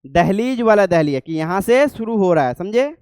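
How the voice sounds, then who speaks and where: A middle-aged man teaching a class, his voice pitched high for a man and ringing clean and smooth. The sound is dry and close, with little room in it. He keeps turning to the students with quick questions to check they are following. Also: very animated, a little mellow, dry recording. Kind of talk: classroom lecture.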